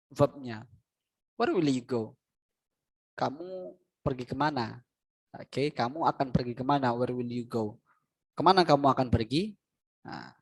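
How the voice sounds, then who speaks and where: A man with an Indonesian accent teaching English question words in a casual video lesson, saying example sentences slowly and telling chatty stories. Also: mid-range voice, low-quality recording. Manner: slow, deliberate English examples, chatty anecdotes with laughs.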